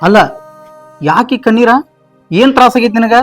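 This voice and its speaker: A man's voice: extremely high pitch, normal speed, faint music behind. A man playing a caring young village husband with a North Karnataka accent, questioning his wife. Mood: concerned questioning. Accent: North Karnataka Kannada. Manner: questioning, concerned. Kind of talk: village comedy-drama acting.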